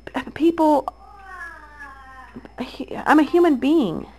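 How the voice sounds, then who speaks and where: A woman's voice: high voice, slow pace, warm tone, low-quality recording. A woman in her thirties speaking straight to the camera, aggrieved and insistent, repeating herself with many restarts and fillers. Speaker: mother addressing accusers. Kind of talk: direct-to-camera monologue.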